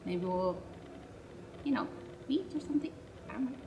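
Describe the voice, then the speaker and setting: A Swedish-speaking web show host chats animatedly through fan questions in a rambling vlog, correcting her words as she goes. Her voice is fairly high, at a moderate pace. Picked up by a distant mic, it sits back in the mix with a clear layer of background noise.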